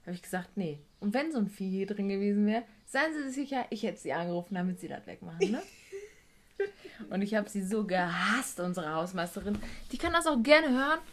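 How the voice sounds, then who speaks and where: A woman in a relaxed conversation, recounting her job in residential care. She talks bluntly and swears often. She plays every quoted exchange out loud in her own voice. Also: medium pitch, fairly quick. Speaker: guest recounting a work trip; care worker with a residential group. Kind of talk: casual storytelling chat.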